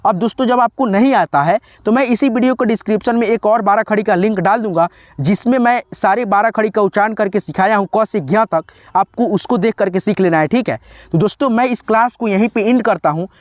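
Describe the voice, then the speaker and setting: A man with a high voice teaches Hindi, drilling syllables one after another and speaking straight to his students between them. The recording is dry and close, with no room echo. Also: a little fast. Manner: recites syllables one by one, then explains; repeats each syllable with friendly direct address.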